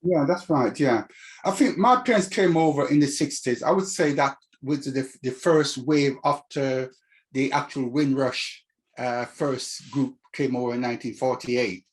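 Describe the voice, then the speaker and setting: A man's voice: mid-range voice, a little slow. An older man with a Caribbean accent, talking reflectively as an interview guest about his own experience. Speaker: interview guest, community activist.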